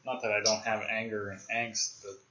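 A man's voice: fairly low pitch, level tone, normal speed, sharp tone. A young man hosting a podcast, chatting casually about films, rambling and speculating with many fillers. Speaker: podcast host. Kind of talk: casual film discussion. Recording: roomy, dull lo-fi podcast audio.

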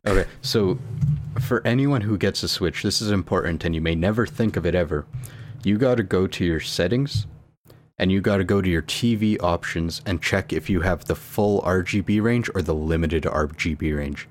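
A man with a very deep, low voice talks casually about video games, walking his co-host through settings one step at a time. He swears offhandedly. A faint hum of room noise sits under him. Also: normal speed. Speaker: podcast co-host.

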